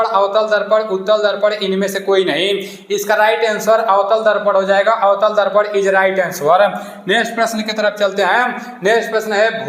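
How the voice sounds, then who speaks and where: A man's voice: high-pitched, a bit bright, echoey room. A man coaching exam students through a quiz, repeating each question and giving the answer. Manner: repetitive, asks each question twice and answers it.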